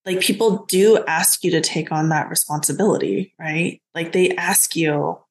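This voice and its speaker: With a low-sitting voice and a moderate pace, an American woman chats casually as a guest business mentor. She muses aloud in an easygoing way, leaning on "like" as a frequent filler.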